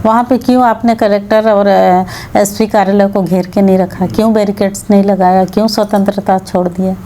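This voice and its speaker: Woman legislator, firm and combative in interview, mellow tone, faint noise. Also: mid-range voice, steady tone, moderate pace. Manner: firm, argumentative, rhetorical questions. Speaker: MLA, interview guest. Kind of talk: political interview answers.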